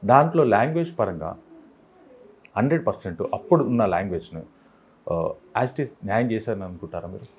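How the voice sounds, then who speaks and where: A man's voice: lowish voice, expressive, a little fast, pauses often, darkish tone, highs cut off, slight background noise. A man with a Telangana Telugu accent, interviewing a guest, probing with questions and echoing the guest's words. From Telangana, India.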